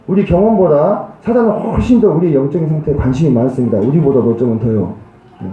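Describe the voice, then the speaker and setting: A man preaches a sermon in a church, his high voice rising and falling in wide swings. He keeps putting rhetorical questions to the congregation. The recording is roomy and slightly dull. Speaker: pastor.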